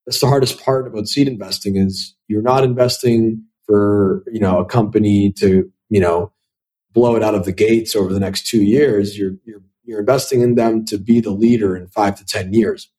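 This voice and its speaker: This young Italian-speaking venture capital investor is a guest on a podcast, giving thoughtful answers and often restarting sentences with repeated words. His voice is on the low side and dark in tone, with fairly even intonation and a moderate pace. The recording quality is low.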